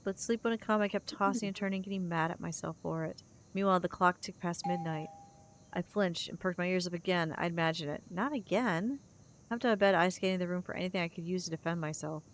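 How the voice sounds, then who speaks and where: A woman streamer reading a story game's narration aloud, expressive, with asides and small stumbles. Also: on the low side, fast talker, a little hiss or hum.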